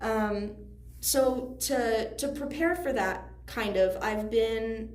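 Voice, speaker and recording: Her voice sits on the high side, slow and darkish: a teenage girl, a high school student actor, being casually interviewed. She answers earnestly and thoughtfully, hedging along the way, in a roomy, echoing space with faint background noise.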